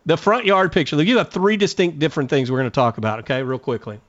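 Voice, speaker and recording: A man's voice: on the high side, very animated, quick pace, fairly bright tone, dry recording. Male radio host, plain folksy advice, dry close sound, a bit muffled. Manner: direct, folksy, advice-giving. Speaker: radio gardening call-in host. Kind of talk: radio call-in talk and live ad read.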